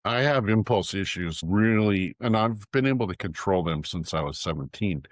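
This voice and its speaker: A man's voice: fairly low pitch, expressive, normal speed, no echo. A man speaking as a guest author on an interview podcast, frank and emphatic, often agreeing. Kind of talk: conversational interview.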